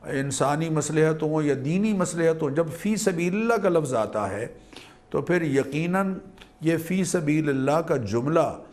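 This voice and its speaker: A man, a religious scholar on a TV program, explaining scripture in a measured, learned manner and weaving in Arabic quotations. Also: on the high side, expressive, a little mellow.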